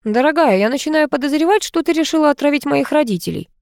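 A woman voicing a stern grown son who calmly accuses his wife, cool and cutting in manner. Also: very high-pitched, fast talker, gravelly, dry recording, studio quality, voice pushed up, exaggerated voice. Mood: accusing.

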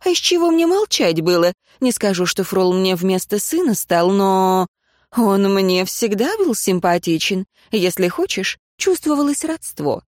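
A woman's voice: medium pitch, expressive, unhurried, a little mellow, dry recording, clean studio sound, natural voice. A woman voicing a shrewd, homely older village woman who talks in folksy, plain speech. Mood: chiding.

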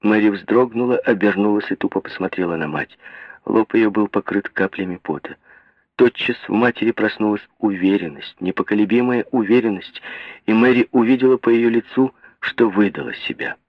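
Male audiobook narrator, mid pitch, husky; dry lo-fi sound. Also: moderate pace, dry recording.

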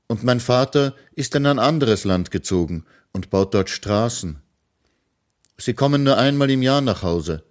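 A man voicing a sad young girl in a children's story, in a soft, plain reading voice. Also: medium pitch, pitched above the performer's own voice, lightly acted. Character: sad young girl living with her aunt.

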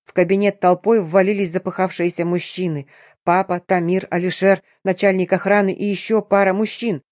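A woman reads a first-person novel aloud with brisk, tense storytelling, keeping her voice at a middle pitch. The sound is dry and close, with no room echo. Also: flat delivery, darkish tone. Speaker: audiobook narrator. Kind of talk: first-person scripted narration.

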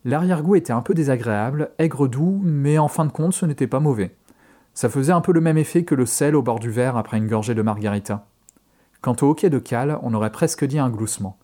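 A man who hosts a podcast, reading a horror story aloud in a measured storytelling way. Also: mid-range voice, dark tone. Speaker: podcast host.

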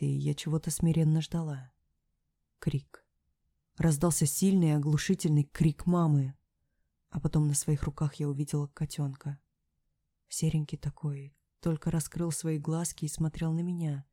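A woman reads a first-person story aloud in a low, mellow voice, recorded close and dry. Her delivery is emotional, sinking into hushed whispers and rising into anguished cries. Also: no echo. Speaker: audiobook narrator. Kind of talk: first-person dramatic audiobook reading.

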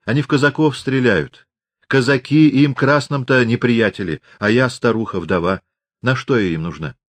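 A man's voice: medium pitch, moderate pace, no echo, voice pushed up, lightly acted. A man reading an audiobook and voicing a nosy, stubborn old peasant widow who scolds in folksy speech. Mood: scolding.

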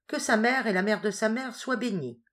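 A woman voicing a stern caliph who declaims his judgments loudly in a storybook reading. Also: a little high, moderate pace, pitched above the performer's own voice, close to an everyday voice. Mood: declaiming. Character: stern, pleased middle-aged caliph.

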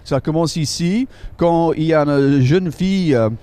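Man with a dark voice, guiding a tour. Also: a little high. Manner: halting, searches for French words, many fillers. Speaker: local tour guide. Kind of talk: guided walking tour, explaining sights. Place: outdoors in a city street.

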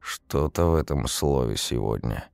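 A man narrating a story in an even, unhurried reading. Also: a bass voice, creaky, no room sound. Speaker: audiobook narrator. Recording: dry close recording.

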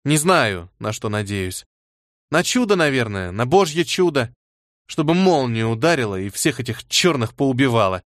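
A man's voice: mid-range voice, very animated, normal speed, no echo, clean studio sound, lightly acted. A man reading an audiobook and voicing a fierce, bitter teenage girl who swears harshly.

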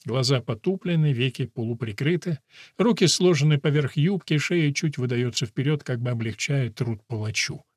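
A man reading a novel aloud as narrator in an even, measured storytelling voice. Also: medium pitch, dry recording, clean studio sound. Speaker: audiobook narrator. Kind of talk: scripted narration.

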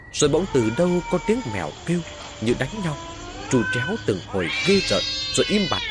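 A man's voice: fairly low pitch, a little hiss or hum. A man narrating a first-person horror story in a dramatic storytelling manner.

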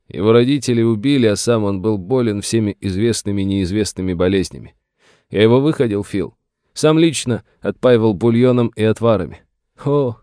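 Man doing a scared old rancher, plaintive, pleading, raised pitch, audiobook reading. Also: dark tone, clear, resonant tone, no room sound, clean studio sound, lightly acted. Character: frightened aging male rancher, tearful and whining.

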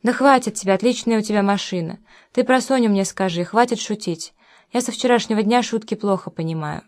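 A woman's voice: mid-range voice, a little fast, a little mellow, close to an everyday voice. A chatty, easygoing grown man who talks in a loose, conversational way, as a woman reads him. The lines come from an audiobook reading in the narrator's own voice. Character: easygoing adult man, chatty and a bit defensive.

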